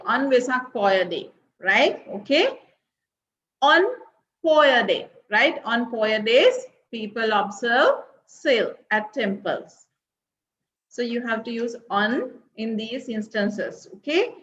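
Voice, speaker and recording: A woman's voice: a little high, a bit bright. A woman teacher giving a revision lesson, checking in with "right?" and "okay?" after nearly every point. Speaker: English teacher. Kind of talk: recorded grade-six revision lesson. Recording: roomy, dull lo-fi recording.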